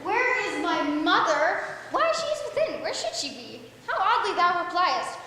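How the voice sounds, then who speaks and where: Girl doing an impatient young girl in love, high and pleading, roomy echoey stage. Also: very animated, bright, forceful tone, exaggerated voice. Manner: impatient, pleading, quick to urge. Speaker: student actor. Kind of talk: stage play performance. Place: school stage. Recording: echoey hall, stage mics, faint noise.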